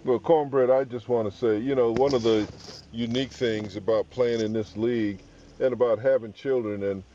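An older man hosting a radio interview, offering a guest earnest, measured praise. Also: mid-range voice, fairly even intonation, warm tone, a little hiss or hum. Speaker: radio host. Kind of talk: heartfelt on-air tribute. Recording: dull lo-fi radio line.

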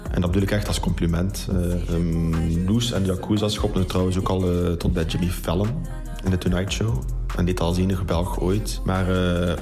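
A man presenting music recommendations in a measured way, with small hesitations. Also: deep voice, little pitch movement. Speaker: music ambassador for Belgium. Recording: music bed underneath.

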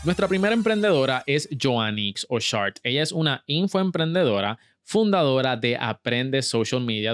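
A man hosting a business podcast, talking straight to his listeners in an energetic, motivational way. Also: medium pitch, clean tone, no echo, studio quality. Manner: motivational, direct address to listeners. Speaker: podcast host.

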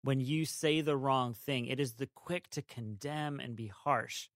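A man's voice: medium pitch, unhurried, dry recording, studio quality. A man co-hosting a faith-based podcast, thoughtful and affirming, guiding the talk with questions. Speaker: podcast co-host, interviewer.

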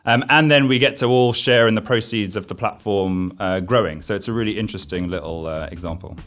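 Male podcast guest, lowish voice, steady explainer, pace shifts. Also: fairly quick. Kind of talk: conversational explanation.

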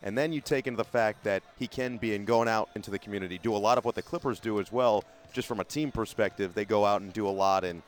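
A man's voice: fairly low pitch, fast, hardly any pauses. A man, a sports broadcaster, giving fluent, chatty answers as an interview guest. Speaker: radio play-by-play broadcaster, guest.

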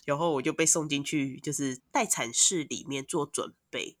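A woman, a mother of two, telling long, animated stories as a podcast guest. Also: deep voice, normal speed, no echo, studio quality. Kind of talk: casual podcast chat.

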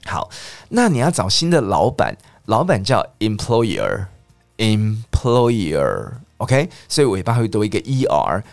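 A man teaching an English lesson, chatty, asking his listeners questions and repeating words slowly. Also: medium pitch, no room sound. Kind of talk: lively lesson.

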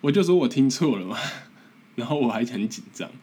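A man's voice: mid-range voice, expressive, a little fast, dark tone, slightly rough. A man in his twenties from Taiwan with a Taiwanese Mandarin accent, hosting a casual podcast monologue in an earnest, encouraging, self-deprecating way. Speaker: podcast host.

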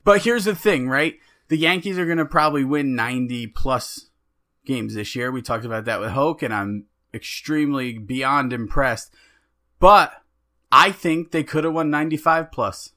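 A man in his late twenties talks sports on a casual podcast from a friend's home. His voice is bright and forceful. He rants with heated emphasis, pushing every point hard. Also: medium pitch, moderate pace. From United States. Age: late 20s. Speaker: podcast co-host.

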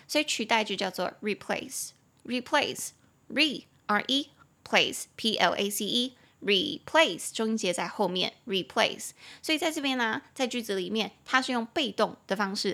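A woman's voice: medium pitch, fairly bright tone. A young woman with a Taiwanese Mandarin accent hosting a bilingual English lesson podcast, chatty and spelling words out letter by letter.

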